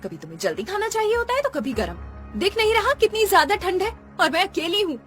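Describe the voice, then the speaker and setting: An overworked young daughter-in-law complains with sharp indignation, and her high voice swings widely. It sounds like a kids' cartoon with light music underneath. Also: very animated, normal speed. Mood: snapping. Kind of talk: animated cartoon voice acting.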